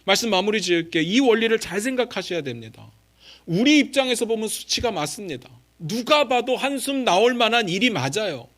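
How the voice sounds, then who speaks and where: A man's voice: high voice, big pitch swings, a little fast. Impassioned male pastor preaching. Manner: swings between quiet asides and raised impassioned pleas; leads congregation in unison scripture reading. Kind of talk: sermon.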